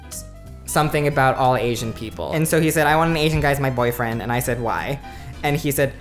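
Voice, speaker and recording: A man's voice: a little high, fairly bright tone. A young man from the USA telling a dating story to camera in a casual, chatty way, full of "like" and "you know" and wry self-mocking asides. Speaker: vlogger.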